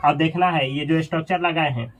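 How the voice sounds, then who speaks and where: A man's voice: a little high, steady tone, brisk. A man teaching an English grammar lesson, asking questions and repeating the class's answers.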